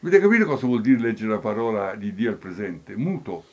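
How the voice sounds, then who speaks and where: A man, a priest giving a homily who reads scripture, then swings between loud calls and near whispers. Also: on the low side, big pitch swings, quick pace.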